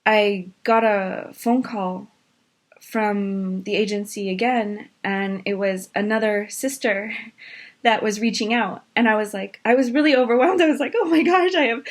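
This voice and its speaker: A woman in her twenties from Maine, telling her own story in a casual, animated way, with many fillers and quick rushes of words. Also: mid-range voice. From Maine, USA. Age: 20s.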